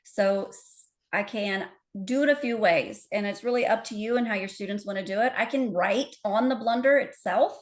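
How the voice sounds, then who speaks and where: A woman co-presenting at a workshop, relaxed and easygoing, talking through her edits step by step. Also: medium pitch, normal speed. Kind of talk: conference workshop demo.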